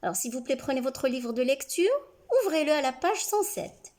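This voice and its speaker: Woman teacher, high voice, lively pitch, unhurried, words said syllable by syllable, questions to the class. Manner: slow, clear, with words spelled out syllable by syllable; asks the class questions and praises answers. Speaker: primary school teacher. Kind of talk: recorded reading lesson for young pupils.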